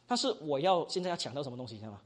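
一位马来西亚口音的男讲道老师在课堂上授课，说话生动随意，句尾常带"哈"。. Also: male voice, fairly high pitch, very fast. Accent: Malaysian Mandarin. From Malaysia. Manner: animated, chatty, ends phrases with 哈. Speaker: preaching instructor. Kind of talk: classroom teaching.

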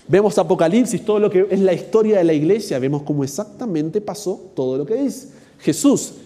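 A man's voice: fairly high pitch, mellow. Argentine man teaching in a reverberant hall. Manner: asks the audience rhetorical questions. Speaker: Bible workshop teacher. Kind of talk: teaching a workshop talk.

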